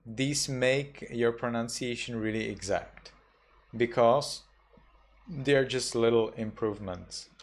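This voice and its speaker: Monk teacher, male, unhurried, mid-pitched, patient drills of each word. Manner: slow, patient, repeats example words carefully. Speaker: Buddhist monk teaching a class. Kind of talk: online class instruction.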